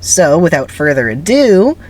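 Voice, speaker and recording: A man's voice: a little high, big pitch swings, a little slow, a little mellow, a little hiss or hum. A man hosting a dramatic script reading, commenting in a chatty, self-deprecating way with emphatic asides. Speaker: channel host.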